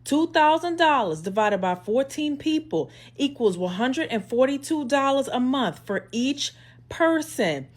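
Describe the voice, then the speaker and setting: A woman's voice: sits high, animated, a little slow. Profane woman ranting sarcastically. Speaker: social media poster. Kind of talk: angry rant.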